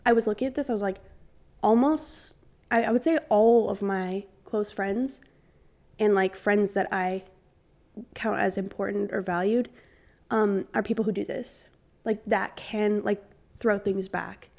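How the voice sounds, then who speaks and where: A young woman in a relaxed podcast chat, talking in long, rambling runs full of "like" and little acted-out quotes. Her voice sits at an ordinary middle pitch. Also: unhurried, vocal fry. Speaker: podcast co-host. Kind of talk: casual chat.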